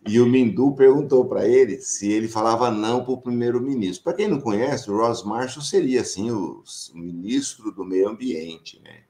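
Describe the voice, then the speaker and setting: Warm and mid-range, this middle-aged man speaks at a normal speed with hardly any pauses. A professor and association founder from the São Paulo countryside, he reminisces in Brazilian Portuguese, laughing frequently and performing the lines he quotes.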